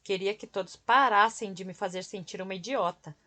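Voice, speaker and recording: A woman's voice: medium pitch, fairly quick, pushed and bright, natural voice. A woman reading the lines of a stubborn, irritable young woman in an audiobook. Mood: sulky. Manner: sulky, defensive.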